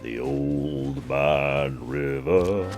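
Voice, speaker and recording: Speaking extremely slowly in a very deep voice over music, a man gives casual live commentary on a strategy game for his stream. He's chatty, talks to chat, and breaks into mock outbursts.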